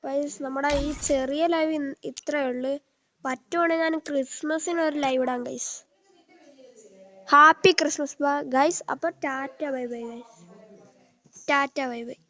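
A woman's voice: high voice, fairly even intonation, unhurried, pauses often, a bit bright. A woman with a Malayali accent doing casual live gaming commentary, mixing Malayalam with English words and often addressing viewers as guys. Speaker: game live streamer. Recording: very noisy live stream with clicks.

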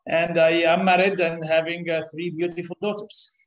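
An Egyptian-born professor in his 30s, speaking English as a second language, gives explanatory answers as an interview guest in a conference room. His voice is slightly high and level in tone, and he is thoughtful and halting, with frequent "uh" pauses and restarts. A camera across the table records him, and the audio is dull with echo from the meeting room.

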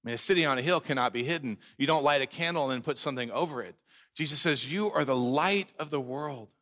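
A man preaching a sermon as pastor, earnest and emphatic, slowing down to read scripture aloud. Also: mid-range voice, bright, forceful tone. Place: church sanctuary.

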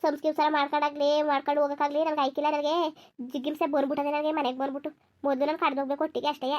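A woman voicing a fiery young village bride in a cartoon, scolding in rapid-fire retorts with a rural Karnataka Kannada accent. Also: high-pitched, little pitch movement, a little mellow, close to an everyday voice. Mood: angry defiant. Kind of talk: cartoon voice acting.

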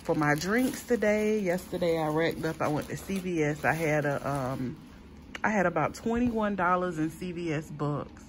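This vlogger from South Carolina chats leisurely to the camera while showing off her groceries, addressing viewers as y'all with frequent ums. She has a low voice, and there's slight background noise.

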